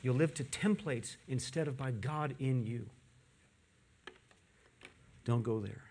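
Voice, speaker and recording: A man preaching a sermon in church, animated and playful, quizzing the congregation with questions and tossing in joking asides. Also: mid-range voice, takes it slowly, a little hiss or hum. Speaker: pastor. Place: church with a screen behind him.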